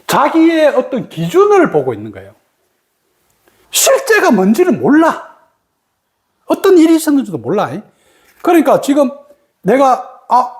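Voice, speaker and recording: A middle-aged meditation teacher gives a dharma talk in a mid-pitched voice whose intonation rises and falls widely. The teacher tells stories with animation and keeps turning to the listeners with rhetorical questions. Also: a little mellow.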